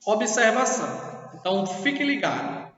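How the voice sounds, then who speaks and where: A high-voiced Brazilian man with a sing-song, fairly bright tone teaches a class in a Brazilian Portuguese accent. He explains things step by step and often pauses to ask if students understand. The dull, lo-fi recording puts him far from the mic in a boomy, echoing room.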